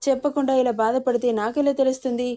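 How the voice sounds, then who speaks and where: A woman's voice: high-pitched, fairly even intonation, fast, warm tone, natural voice. A woman voicing an anxious, loving young pregnant wife in a storybook reading, worried and questioning.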